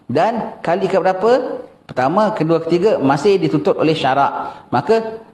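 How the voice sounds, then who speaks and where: An older man with a Malaysian Malay accent giving a lively religious lecture, questioning his listeners. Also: a little high, normal speed. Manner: animated, questions the audience, acts out askers. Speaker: religious teacher. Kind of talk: mosque lecture on fasting rules. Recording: echoey room.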